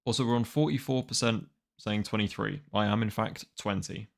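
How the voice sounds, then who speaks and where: A twenty-year-old man talks casually to his stream. His voice sits low with a gravelly edge. He rambles, sounding wry and exasperated. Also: normal speed. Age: 20s. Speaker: manga reaction streamer. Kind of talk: casual live-stream chat.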